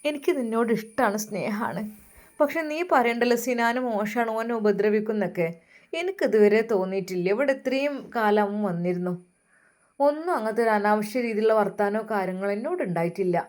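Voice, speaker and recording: A woman voicing an older mother-in-law, talking low and soft in a coaxing, guilt-tripping way. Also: animated, a little fast, lightly acted. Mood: pleading.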